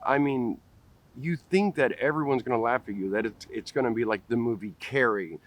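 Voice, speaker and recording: Out in a park, a man in his forties talks to camera as a vlogger, his stutter leading to repeated first sounds and restarted words. His voice is mid-range at a normal speed, captured by a camera close up at face level.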